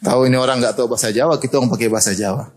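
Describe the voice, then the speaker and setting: A man giving a lively sermon, telling stories in an animated way and laughing often. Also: medium pitch, very fast. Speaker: preacher.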